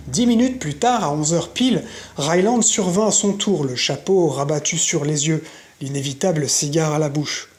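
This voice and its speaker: A reader narrating a novel in an audiobook with steady, measured storytelling. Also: mid-range voice. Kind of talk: scripted narration.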